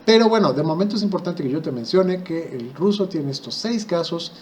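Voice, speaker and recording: A Mexican-accented man gives an explanatory video lesson in a voice pitched a touch above average. He walks through each point patiently, asking himself questions and filling pauses with soft hesitations. A faint hiss sits under his voice. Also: expressive. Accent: Mexican Spanish. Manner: patient, explaining step by step with rhetorical questions and frequent "eh" fillers. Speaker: Russian language teacher.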